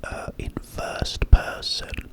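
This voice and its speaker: An ASMR creator whispers close to the microphone in a breathy, hushed voice, rambling slowly with gentle enthusiasm.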